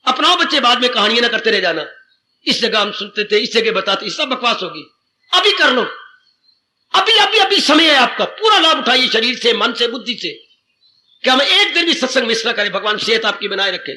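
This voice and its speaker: A man's voice: very high voice, sing-song, brisk, bright, forceful tone, slight background noise. A man giving a devotional sermon as a spiritual teacher, fervent, repeating words for emphasis, quoting verse and calling his listeners children.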